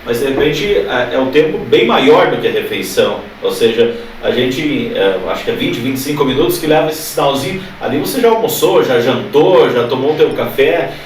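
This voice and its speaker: A man's voice: medium pitch, animated, normal speed, far from the mic. A Brazilian man asks interview questions, restarting his sentences often. He sits well back from the microphone. The sound is very echoey with faint noise underneath. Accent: Brazilian Portuguese. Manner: hesitant, many restarts.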